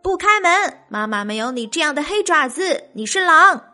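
Woman doing shrill little goat kids. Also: measured pace, faint music behind. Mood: defiant. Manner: loud, high, childlike.

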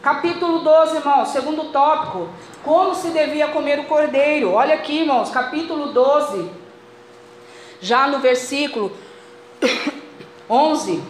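Unhurried and pausing often, a woman with a high voice preaches a fervent sermon in church, addressing her congregation as brothers. She has a Brazilian Portuguese accent, and the sound is very echoey from the church hall, with faint noise.

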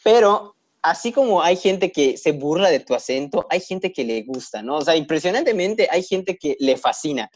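Podcast guest: young man, Yucatecan accent, animated anecdotes, voice sits a bit high. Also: moderate pace, hardly any pauses, dry recording. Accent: Yucatecan Spanish. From Yucatán, Mexico. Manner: animated storyteller, acts out quoted voices. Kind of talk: casual chat.

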